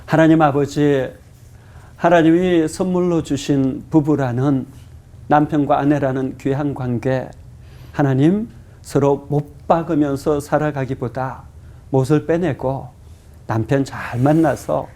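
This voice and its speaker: A male pastor leads a closing prayer in a measured, formal cadence. His voice is mellow and sits a little high for a man. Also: fairly even intonation.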